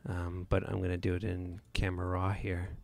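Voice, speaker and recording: A man's voice: sits low, monotone, brisk, gravelly. A man hosting a live photo editing tutorial, talking casually with many fillers and restarts.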